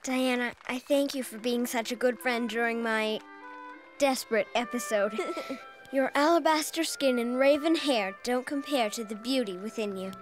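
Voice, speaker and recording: A woman's voice: on the high side, moderate pace, lightly acted, rough recording. A woman voicing a dreamy, dramatic young girl in a cartoon, earnest and flowery in her wording. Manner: flowery, formal, theatrical wording. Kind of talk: animated series voice acting. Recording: music behind the voice.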